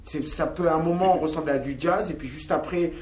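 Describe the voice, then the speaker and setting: A man from Algeria talks at length about his band's music, pausing on fillers as he gathers his thoughts. His voice sits a bit high. The sound is roomy and comes from some distance off the mic. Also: a little mellow, slight background noise. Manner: talkative, searching for words with many fillers. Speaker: band member. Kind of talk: interview answers.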